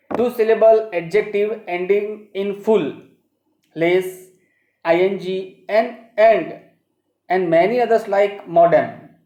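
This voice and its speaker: A woman's voice: fairly low pitch, mellow. A woman teacher with a Gujarati accent, reading English grammar rules aloud in a recorded lesson and explaining them. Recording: dull, roomy home recording.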